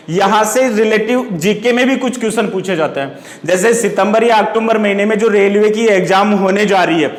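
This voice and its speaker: A man with a fairly high voice teaches a class in a question-and-answer rhythm. He drills his students, repeating each answer and spinning wordplay into memory tricks. The recording has a roomy echo with a long reverb tail, as in a bare classroom. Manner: asks questions and answers them himself, repeating key words.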